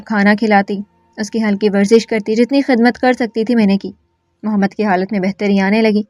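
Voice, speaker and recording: A woman telling an emotional first-person story in a calm, earnest narration. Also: medium pitch, dry recording.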